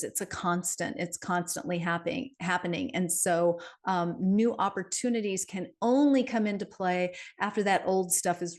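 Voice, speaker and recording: A woman's voice: on the low side, darkish tone. A middle-aged woman giving a casual monthly numerology forecast, chatty, with many fillers and tag questions. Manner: chatty, frequent "right?" and fillers, light laughs.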